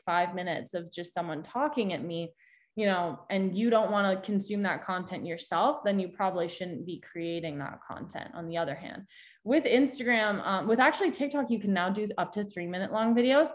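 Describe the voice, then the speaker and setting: A young woman guest expert giving a chatty live tutorial over a video call, explaining step by step with frequent restarts. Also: mid-range voice. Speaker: social media guest expert.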